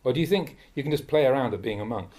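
A man, a monk, reading a Dhamma talk aloud in a measured, admonishing way that rises sharply when he scolds. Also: mid-range voice, expressive, darkish tone. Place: monastery.

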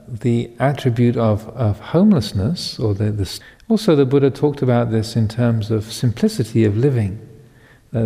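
A Buddhist monk in his fifties giving a Dhamma talk, reflective and halting, with many pauses and soft chuckles. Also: mid-range voice, creaky. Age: 50s. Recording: long hall reverb.

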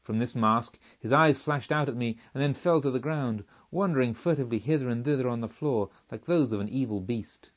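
Brief: male audiobook narrator, mid pitch, measured and somber, slightly dull lo-fi sound. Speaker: audiobook reader.

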